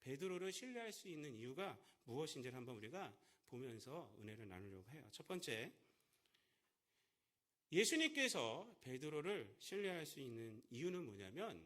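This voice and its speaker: A male pastor preaching a Sunday sermon in a church, asking his congregation rhetorical questions and swinging between loud emphatic lines and quiet asides. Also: mid-range voice, sing-song, normal speed.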